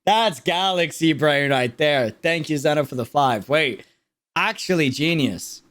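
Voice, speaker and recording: Reacting to a game video on a livestream, a man talks to his viewers in an expressive, unhurried voice that is on the high side and a bit bright. His commentary is casual and emphatic, heavy on slang, and he repeats words to stress them.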